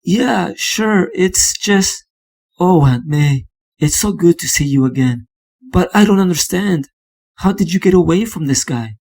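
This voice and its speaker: A man's voice: high voice, lively intonation, measured pace, creaky, darkish tone, exaggerated voice. A man voicing a guilt-ridden young superhero who sounds panicky and blames himself. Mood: confused. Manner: panicky, self-blaming. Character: young adult male superhero, anxious and guilty.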